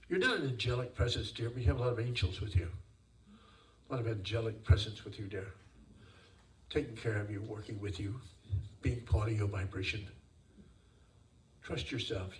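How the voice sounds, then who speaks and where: A man working as a seance medium, giving live spirit readings in an emphatic, repetitive, conversational way. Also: lowish voice. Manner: addresses listeners as dear and sir, repeats phrases. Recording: roomy, distant mic, faint noise.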